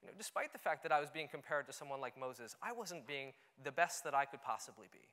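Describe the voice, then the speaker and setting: Speaking fast in an expressive, mid-range voice that sounds pushed and bright, a young Canadian man gives a conference talk on an auditorium stage. He is earnest and conversational, often saying "you know," and the recording has long hall reverb.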